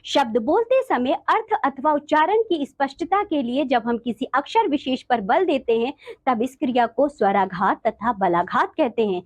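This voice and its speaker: A woman teacher giving a classroom lesson, explaining patiently and often addressing the children directly. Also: high-pitched.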